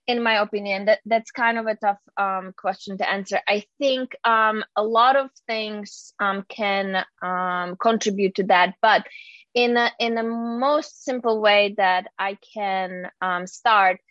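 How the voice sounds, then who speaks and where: A woman's voice: medium pitch, measured pace, fairly bright tone, no echo. Hesitant woman, dull dry recording. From Czech Republic. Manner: hesitant, lots of ums and restarts. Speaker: guest, yoga teacher and life coach. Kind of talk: casual podcast conversation.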